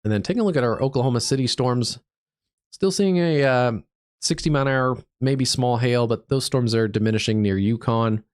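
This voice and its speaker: A livestream host and digital meteorologist, his nose stuffed from allergies, comments live on storm radar. His mid-range voice is smooth with no room sound, and he muses aloud casually, stumbling over fillers.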